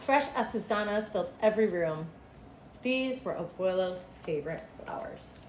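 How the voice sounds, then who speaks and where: In a small indoor cinderblock schoolroom, a middle-aged woman principal reads a children's storybook with expressive, deliberate storytelling in a voice of middling pitch. A camera positioned a couple of meters away does the recording. Room echo is strong and background noise is clearly present.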